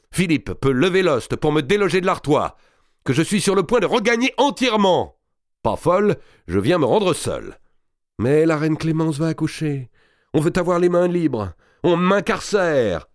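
A man reading an audiobook and voicing a boisterous, crude, scheming giant nobleman who talks loudly, mocks and laughs often. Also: on the high side, dry recording, clean studio sound, pitched above the performer's own voice. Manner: loud, mocking, bawdy, with bursts of laughter. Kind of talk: audiobook reading of a historical novel.

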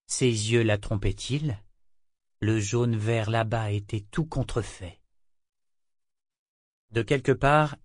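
Guy reading a fantasy novel aloud, steady and even, super dry close sound. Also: mid-range voice, no echo. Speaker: audiobook narrator. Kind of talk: scripted narration of a novel.

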